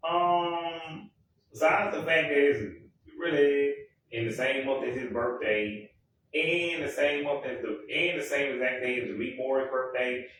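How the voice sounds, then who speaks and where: A man rambling in a casual monologue, often correcting himself and filling pauses. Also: mid-range voice, fairly even intonation, a bit bright, a little hiss or hum. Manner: rambling, self-correcting, many fillers. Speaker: music vlogger. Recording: echoey room, mic far off.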